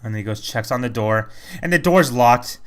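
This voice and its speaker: A man's voice: medium pitch, lively intonation, normal speed, fairly bright tone. A man giving casual, rambling commentary over a video game playthrough, chatty and self-critical. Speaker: let's play commentator.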